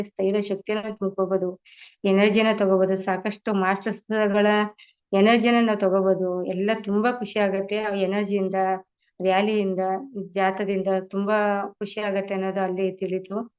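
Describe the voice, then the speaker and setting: A woman's voice: medium pitch, darkish tone, clean tone, muffled recording. A middle-aged woman earnestly sharing her personal meditation experiences as a testimony to fellow practitioners. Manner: earnest, addresses listeners as masters.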